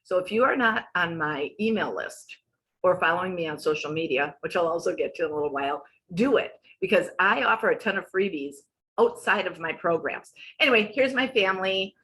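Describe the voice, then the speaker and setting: A woman's voice: on the low side, animated, a little fast, a bit bright, rough recording. Chatty woman in her sixties. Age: 60s. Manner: chatty, wanders off on tangents. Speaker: wellness coach. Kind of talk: casual presentation over slides.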